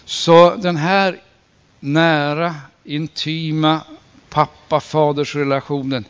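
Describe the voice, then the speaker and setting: A man preaching a sermon in an earnest way, slowing down to stress key phrases and rising when he quotes scripture. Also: a little high, a bit bright, clear, resonant tone. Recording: dull lo-fi recording.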